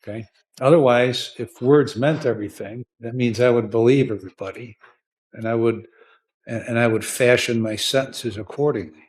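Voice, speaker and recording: Presiding as a judge in court, an American man speaks bluntly while questioning and lecturing, repeating himself and frequently asking "okay?". His voice is mid-range at a moderate pace.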